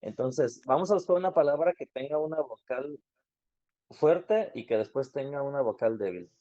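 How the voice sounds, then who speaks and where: Over dull, lo-fi online class audio, a man with a mid-range, dark-toned voice speaks in an animated way at a moderate pace. He teaches grammar patiently and asks his students questions as he goes.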